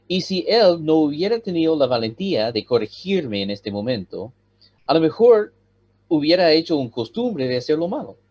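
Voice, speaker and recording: Gringo-accented pastor guy preaching, slightly high voice, pauses a lot, muffled lo-fi audio. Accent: American. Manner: pauses with many "ah" fillers, calm teaching tone. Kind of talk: sermon. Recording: dull lo-fi sound.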